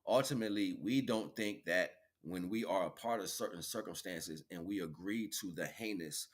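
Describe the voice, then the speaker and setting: A man with a low-sitting voice speaks at normal speed, hosting a livestream with an improvised motivational monologue. He preaches in colloquial phrasing and leans on emphatic repetition.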